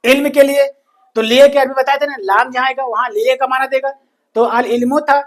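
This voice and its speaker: A man teaching a grammar lesson, slowly repeating each phrase and answering his own questions. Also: very high voice, fairly even intonation. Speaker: Arabic teacher.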